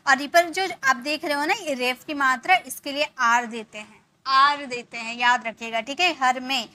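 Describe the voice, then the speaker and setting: A woman's voice: sits high, moderate pace, sharp tone. A woman teacher patiently spelling out words letter by letter, checking in often with her students. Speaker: English teacher. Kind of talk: spelling lesson in Hindi.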